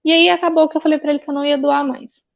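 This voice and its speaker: A woman's voice: high voice, flat delivery, racing, vocal fry. A woman, a guest giving earnest, pained personal testimony with a lot of repetition. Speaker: interview guest. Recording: dull lo-fi audio.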